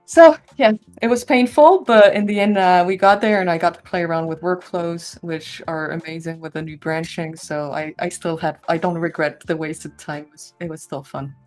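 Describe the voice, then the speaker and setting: Woman presenter, casual and halting, voice metallic and robotic from an AI noise filter on a stream mic. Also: lowish voice, fairly even intonation, a little mellow, soft background music. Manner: casual, hesitant, full of ums and restarts. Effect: robotic, metallic sound from AI noise removal. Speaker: presenter from the product team. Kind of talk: live-streamed software tutorial.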